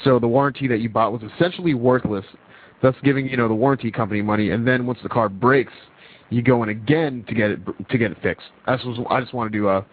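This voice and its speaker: A man's voice: medium pitch, fast talker, husky. A man from Virginia calling in over the phone, talking casually and rambling with lots of fillers. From United States (Virginia). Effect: voice heard over a phone line. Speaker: caller. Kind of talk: casual call-in chat. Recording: tinny phone line.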